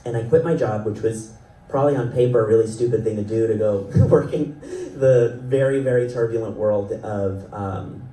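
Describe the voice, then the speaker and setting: This panelist's voice sits on the low side, dark in tone, at a moderate pace. He's an animation writer and creator in his thirties, raised in South Florida by an Ecuadorian family, rambling self-deprecatingly and laughing a lot during a festival panel discussion. A far-off mic in the hall picks up roomy sound and slight noise.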